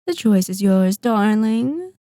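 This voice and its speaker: A woman plays a sadistic female vampire in a scripted ASMR roleplay monologue, her dark, velvety, mid-range voice moving at an extremely unhurried pace. Seductive, possessive and expressive, she condescends to her listener with amused taunting, savoring each phrase between pauses. The recording is dry and close.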